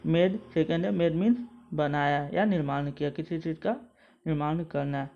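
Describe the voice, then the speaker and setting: A man's voice: a little high, normal speed, creaky. Teacher man, dull lo-fi phone audio. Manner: repetitive, methodical word-by-word explanation. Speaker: school English teacher. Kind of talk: explaining a textbook lesson. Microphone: mobile phone.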